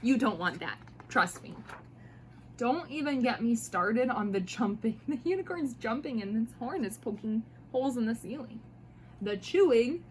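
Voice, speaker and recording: A mother with a high voice reads a picture book aloud to children, her delivery animated, expressive and playful as she speaks directly to them. Faint noise can be heard in the background.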